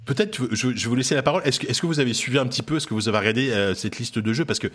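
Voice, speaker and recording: A man's voice: mid-range voice, very fast, fairly bright tone. A young man hosting a casual gaming chat, hesitant, with many fillers and restarts. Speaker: podcast host.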